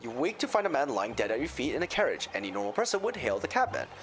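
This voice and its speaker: A man voicing a haughty, cold aristocratic English prosecutor in a courtroom game, measured and disdainful. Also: medium pitch, big pitch swings, a bit bright, a little hiss or hum. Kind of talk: voiced reading of game dialogue.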